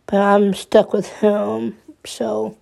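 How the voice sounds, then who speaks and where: A woman in her twenties talking through her troubles in a personal monologue, halting and subdued, restarting and repeating her words often. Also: medium pitch, completely flat delivery, vocal fry, warm tone. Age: 20s.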